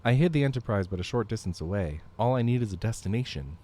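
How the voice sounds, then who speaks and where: A man voicing a confident middle-aged engineer in a Canadian accent, brisk and cheerful. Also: on the low side, lively intonation, dark tone, pitched above the performer's own voice, lightly acted. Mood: breezy.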